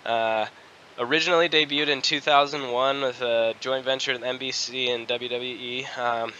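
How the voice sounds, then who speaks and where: A man's voice: medium pitch, normal speed, dull audio, slight background noise. Congested nasal man hosting a podcast. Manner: relaxed, filler-heavy delivery. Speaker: podcast co-host. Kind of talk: casual sports podcast chat.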